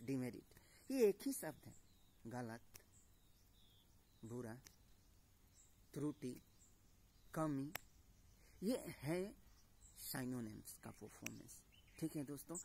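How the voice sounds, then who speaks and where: A man teaches at an unhurried, deliberate pace, drifting between Hindi and English words as he explains each term. He keeps checking in with his listeners in a friendly classroom way. A faint hum of noise sits under the voice. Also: fairly high pitch. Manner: repeats "ठीक है दोस्तों", mixes Hindi and English words. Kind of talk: classroom-style lesson.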